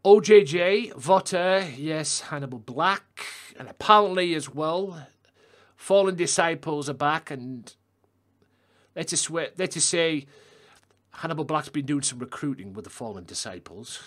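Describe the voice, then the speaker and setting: A young man calls the action of a wrestling game on a live stream, swearing freely and addressing his chat viewers directly. His voice sits a little high for a man. His delivery jumps between excited outbursts and offhand asides. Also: unhurried.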